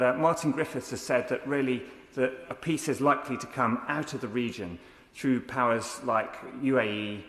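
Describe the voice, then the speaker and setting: A man's voice: medium pitch, a bit bright. A man speaking formally but hesitantly as a member of parliament in a debate. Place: large indoor debating chamber. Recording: echoey chamber with long reverb.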